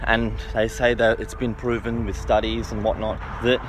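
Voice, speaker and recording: Here a man of 29, turning thirty, who presents himself as a health and philosophy educator, holds forth in a casual monologue. His fairly low voice is flat and moderately paced against background noise, and he hammers his points repeatedly, sure of himself, tossing in "okay" and "right" to win agreement.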